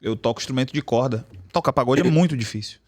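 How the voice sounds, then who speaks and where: A man's voice: medium pitch, fast talker, a little mellow. Casual man hosting a podcast. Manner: casual, conversational questioning. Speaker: podcast host. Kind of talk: podcast interview.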